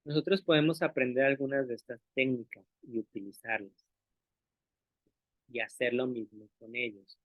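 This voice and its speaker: A man's voice: medium pitch, steady tone, moderate pace, no echo. A male teacher gives an explanatory talk to other teachers, patiently checking that listeners follow along and modeling sounds aloud. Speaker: language teacher presenting to teachers. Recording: dry, tinny phone-like sound.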